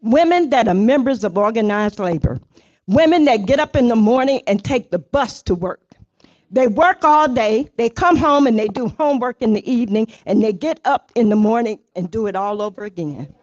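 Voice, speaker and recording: A woman's voice: on the high side, animated, moderate pace, darkish tone. An older woman accepting an award, speaking off the cuff with emotion and building to rousing emphasis. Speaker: award honoree giving acceptance speech. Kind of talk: heartfelt acceptance speech. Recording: dull, muffled recording.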